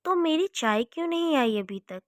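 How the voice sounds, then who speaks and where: A woman voicing a sharp-tongued, scolding old mother-in-law in a spoken story. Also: high-pitched, animated, normal speed, dry recording, clean studio sound, voice pushed up.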